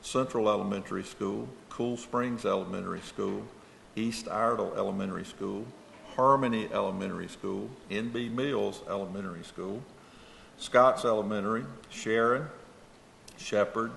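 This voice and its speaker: A man giving a formal speech at a public meeting, halting with many fillers and frequent throat-clearing. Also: fairly low pitch, fairly even intonation, a bit bright. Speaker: board member presenting an award. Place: large meeting hall. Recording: echoey hall, faint room noise.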